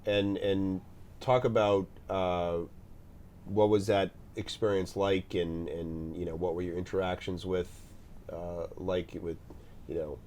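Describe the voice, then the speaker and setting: A man hosting an interview podcast, asking questions in a halting way and often repeating his words. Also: low voice, level tone, a little mellow, slight background noise. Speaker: podcast host, state senator.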